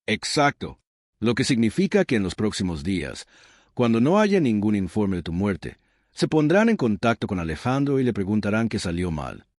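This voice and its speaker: A man's voice: lowish voice, sing-song, normal speed, a little mellow, dry recording, clean studio sound. A man voicing a woman who reasons through a plan in an earnest manner, within a read-aloud story. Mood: reasoning.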